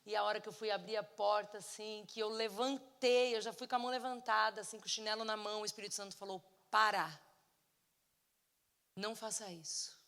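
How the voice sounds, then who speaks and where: A middle-aged woman giving an emotional sermon testimony in a church, acting out dialogue and swinging between loud and soft. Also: medium pitch, steady tone, fast, hardly any pauses, clean tone, in a large hall. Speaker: preacher. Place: church sanctuary.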